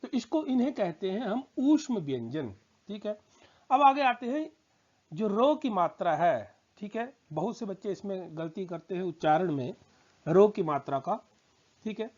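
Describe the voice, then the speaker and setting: Teaching grammar slowly to his students, a man with a high, darkish voice and big pitch swings patiently repeats example words and checks their understanding. The sound is lo-fi and slightly dull.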